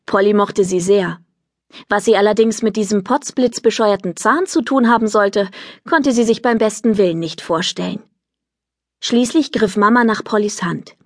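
A woman narrating a children's audiobook in a lively, expressive storytelling manner. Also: mid-range voice, moderate pace, no room sound, clean studio sound. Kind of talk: scripted narration of a children's book.

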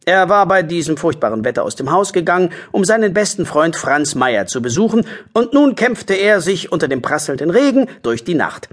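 A man narrating a children's audiobook in an expressive, storytelling way. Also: on the high side, normal speed, hardly any pauses.

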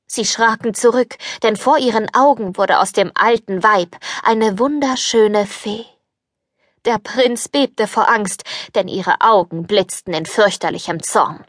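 A woman reading a children's fairy-tale audiobook in a calm, measured way, into a studio microphone. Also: fairly high pitch, no echo. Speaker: audiobook narrator.

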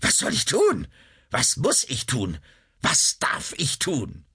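A man voicing a desperate woman sorceress in an audiobook, shrill and breathless. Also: huge pitch swings, slow pace, creaky, bright, forceful tone, breathy edge, exaggerated voice. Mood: frantic.

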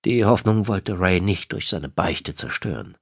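A male audiobook narrator with a very deep voice that moves with lively, expressive pitch. His reading is dramatic and scripted, set in a dry, close studio sound. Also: a little slow, vocal fry, breathy edge, no echo.

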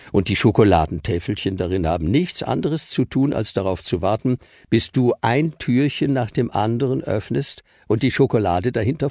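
Lively, gravelly-voiced male storyteller. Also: fairly low pitch, no room sound, studio quality. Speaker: audiobook narrator. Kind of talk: children's storybook reading.

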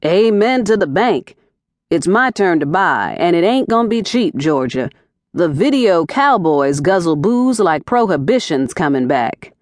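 A woman voicing a boisterous middle-aged male TV news cameraman who talks in a loud, folksy, sing-song way in an audiobook. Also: fairly low pitch, very animated, measured pace, dry recording, clean studio sound. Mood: rowdy, jovial.

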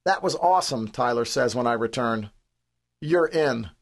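A man's voice: mid-range voice, lively intonation, normal speed. An audiobook narrator voicing a friendly young male football kicker with a casual, upbeat way of talking.

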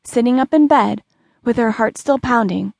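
A woman narrates a novel in a measured, dramatic storytelling manner. Her voice sits fairly high for a woman. The recording is close-miked and dry, with no room echo. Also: vocal fry, a little mellow. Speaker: audiobook narrator. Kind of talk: scripted audiobook narration.

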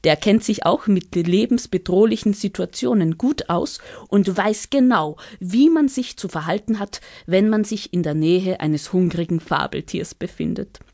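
A woman narrating a children's audiobook in a calm storytelling manner, speaking directly to young listeners. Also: mid-range voice, normal speed, few pauses. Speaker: author and narrator.

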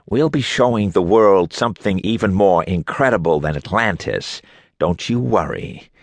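A man's voice: low-pitched, animated, normal speed, no room sound. A man voicing a haughty, contemptuous middle-aged archaeologist with a nasal New England accent. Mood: frustrated.

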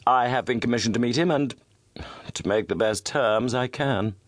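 A man voicing a proud, sharp Victorian detective who speaks in a crisp, precise, commanding way. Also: medium pitch, moderate pace, no echo, clean studio sound, voice pushed up, close to an everyday voice. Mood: earnest.

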